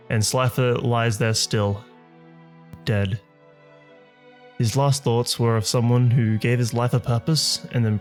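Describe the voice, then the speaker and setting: Man narrating, even delivery, middle pitch, faint music. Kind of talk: scripted narration of fan fiction.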